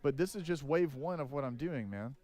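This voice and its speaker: A man's voice: a little high, lively intonation, a little fast, a little mellow. A man on a call boasting and making cocky threats. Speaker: scam caller.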